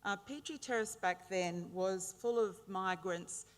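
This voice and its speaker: A middle-aged Australian woman with a medium-pitched voice gives a formal speech at a graduation ceremony. She tells warm, humorous anecdotes in a measured way, and the large indoor hall makes the recording reverberant.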